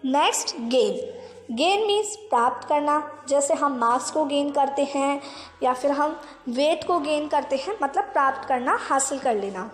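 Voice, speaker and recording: A woman school teacher, giving a vocabulary lesson to children, repeating each word and its meaning, asking questions and answering them herself, and spelling words out slowly. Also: high voice, expressive, in a large hall, soft background music. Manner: addresses the class as children.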